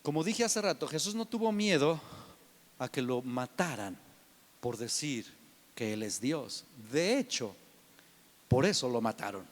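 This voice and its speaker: Man, sermon, emphatic, animated pitch, slow delivery, long hall reverb. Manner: emphatic, swinging from shouts to hushed whispers. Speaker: preacher.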